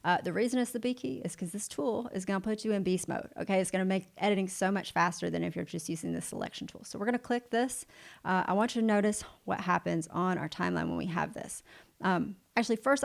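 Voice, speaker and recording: A woman giving a livestream software tutorial, upbeat and encouraging, talking straight to the viewer as she walks through each step. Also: medium pitch, quick pace, vocal fry. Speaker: video editing instructor.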